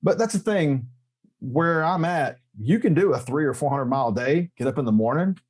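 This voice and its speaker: A man, a podcast guest chatting casually, joking and telling stories with emphatic rises in pitch. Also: moderate pace. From Texas. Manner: animated, joking storyteller with emphatic pitch jumps. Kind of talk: casual interview chat.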